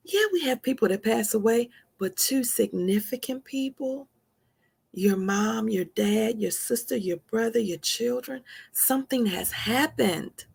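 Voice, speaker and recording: A woman's voice: fairly high pitch, unhurried, vocal fry, darkish tone, slightly rough. A woman in her forties hosting a live stream, giving a heartfelt motivational talk with earnest, repeated, preacher-like emphasis. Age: 40s.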